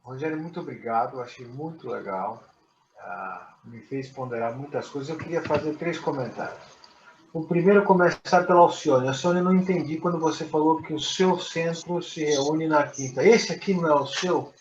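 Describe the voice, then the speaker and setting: A man's voice: on the high side, moderate pace. A man speaking earnestly and emphatically in a group discussion, with a teasing edge. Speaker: meeting participant. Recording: echoey room, muffled, faint noise.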